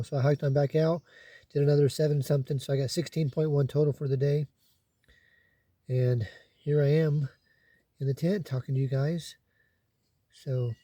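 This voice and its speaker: A man's voice: medium pitch, mellow, no echo. A man recording a casual trail video diary, talking through his day with plenty of fillers. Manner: plain rambling recap with fillers. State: out of breath while climbing. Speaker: thru-hiker vlogger. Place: inside a tent at night; outdoors on a mountain trail.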